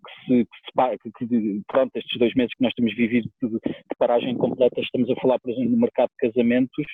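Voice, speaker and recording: A man's voice: mid-range voice, little pitch movement, fast, husky, no room sound. A man with a European Portuguese accent answering as an interview guest, casual, colloquial and wordy, over a tinny phone-like line. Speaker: guest, musician and DJ.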